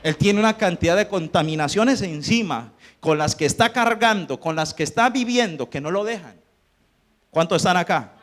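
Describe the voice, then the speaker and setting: Pastor guy preaching, pretty high voice for a man, keeps asking the crowd questions. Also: animated, moderate pace, fairly bright tone. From Colombia. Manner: preaching with rhetorical questions to the congregation. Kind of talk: sermon.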